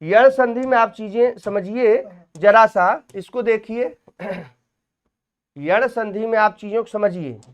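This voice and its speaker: Slow drawn-out hindi teacher, smooth clear voice, keeps asking then answering itself, muffled lo-fi sound. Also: mid-range voice. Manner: asks questions aloud and answers them, repeats each point. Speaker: Hindi grammar teacher for exam prep. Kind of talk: exam-prep lecture. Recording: dull lo-fi recording.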